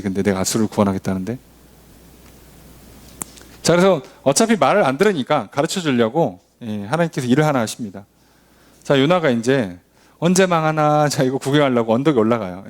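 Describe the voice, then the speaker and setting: A man preaching a sermon as a pastor, asking rhetorical questions and acting out quoted voices. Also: darkish tone. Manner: acts out quoted voices, shifting pitch often. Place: church.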